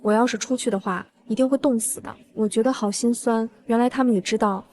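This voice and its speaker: A woman's voice: on the high side, fairly even intonation, fast, darkish tone. A woman narrating a first-person revenge story in a cool, smug way.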